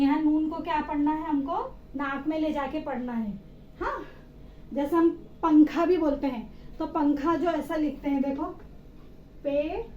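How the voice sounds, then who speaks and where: A high-voiced woman teaching a children's reading lesson at an unhurried pace, spelling out each letter in turn. She asks a question and then answers it herself. The recording sounds roomy and a little dull, with faint ambience behind her. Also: a little hiss or hum.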